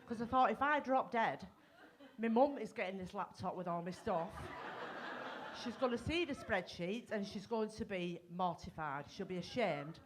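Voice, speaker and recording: A middle-aged woman from North West England, performing a bawdy, self-mocking stand-up comedy set at a live gig. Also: medium pitch.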